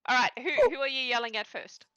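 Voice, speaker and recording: A woman's voice: a little high, fairly even intonation, fast talker, lo-fi sound, heavy background noise. A woman acting as game master, narrating a tabletop game casually and off the cuff, often giggling through her sentences.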